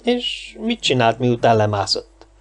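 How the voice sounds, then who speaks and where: A man's voice: medium pitch, big pitch swings, close to an everyday voice. A man voicing a police detective in an audiobook, asking probing questions. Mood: questioning. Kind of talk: audiobook character reading.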